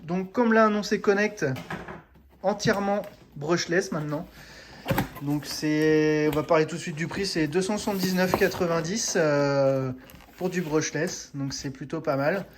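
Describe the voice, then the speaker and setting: A man's voice: on the high side, a little slow, background noise. A man hosting a casual product unboxing for a hobby shop, chatty and full of hesitant fillers.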